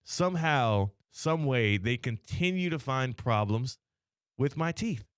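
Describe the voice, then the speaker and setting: A man's voice: medium pitch, lively intonation, takes it slowly, clear, resonant tone, dry recording, studio quality. An American man hosting casual radio chat, his speech a little slurred, with a mouth half numb from the dentist. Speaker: sports radio show host. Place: radio studio.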